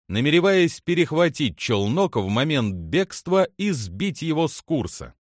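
A man reading a science fiction audiobook in an expressive, animated narration. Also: mid-range voice, no echo, studio quality. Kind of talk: scripted narration.

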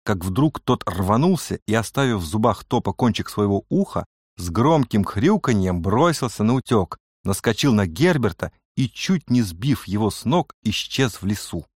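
A man narrating an adventure story in a measured storytelling reading. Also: fairly low pitch, animated, husky, dry recording, clean studio sound. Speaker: audiobook narrator. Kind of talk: scripted narration.

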